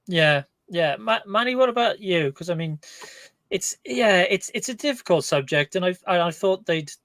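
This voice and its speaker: A man co-hosting a review podcast, talking in a halting way with many restarts. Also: high-pitched, lively intonation, a bit bright, dry recording. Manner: hesitant, restarts words, halting. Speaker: podcast co-host. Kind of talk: casual review discussion.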